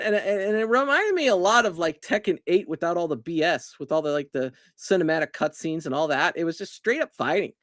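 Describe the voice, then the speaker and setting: A man's voice: high voice, no echo, studio quality. A middle-aged man hosting a casual game chat stream, rambling and correcting himself with frequent chuckles.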